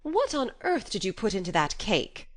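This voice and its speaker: A woman voicing a stern older woman guardian who talks in a brisk, scolding, dry way. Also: mid-range voice, very animated, lightly acted.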